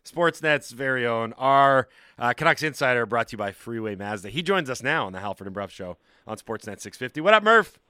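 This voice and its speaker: A man hosting a sports radio show, jokey and animated, reading ads and bantering in a studio. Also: mid-range voice, fairly quick, few pauses, clean tone, no room sound. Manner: animated, jokey, reads ads with a bouncy lilt. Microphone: studio microphone.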